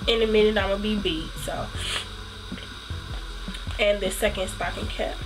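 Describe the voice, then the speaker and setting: A woman's voice: medium pitch, steady tone, a little slow, over music, rough recording. A woman with a cold and a stuffy nose, chatting casually through a hair tutorial and rambling with plenty of ums. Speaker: hair vlogger.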